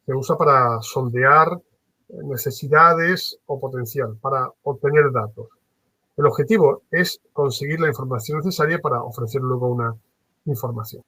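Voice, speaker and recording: A man lecturing as a trainer in a workshop, animated and varying his tone on purpose, with many fillers. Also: medium pitch, husky, no echo, poor audio. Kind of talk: workshop lecture on phone customer service.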